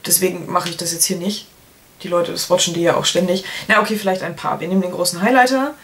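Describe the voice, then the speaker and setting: Speaking fast with a fairly low, slightly bright voice and fairly even intonation, a woman in her thirties reviews a product on camera. This beauty vlogger keeps it casual with playful, colloquial asides. She's indoors in a small room at home, and clicks and background noise are clearly audible.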